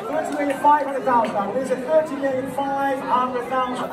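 A man working as an auctioneer, rapidly calling out bids in a repetitive chant in a large crowded hall. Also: very high-pitched. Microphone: PA speakers heard from a phone in the crowd. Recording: echoey hall from far off, loud crowd. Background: loud excited crowd.

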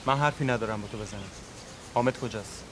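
An actor playing an angry boss who demands answers and orders people around. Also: male voice, mid-range voice, background noise, close to an everyday voice. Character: angry boss man demanding his kidnapped son.

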